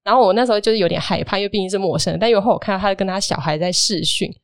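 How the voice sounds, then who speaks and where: On a podcast, a guest shares a personal story in a medium-pitched voice, speaking at a racing pace and animatedly acting out the dialogue. The recording is dry and studio quality.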